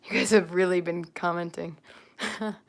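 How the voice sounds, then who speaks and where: A woman's voice: lowish voice, steady tone, moderate pace. A woman chatting casually on a home livestream, rambling and flustered, full of ums, sometimes dropping to a near whisper as she reads comments.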